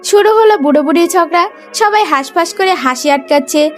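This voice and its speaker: A woman narrating a romantic story, lively and acting out every character herself. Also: very high voice, brisk, faint music behind. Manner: lively, acts out all characters.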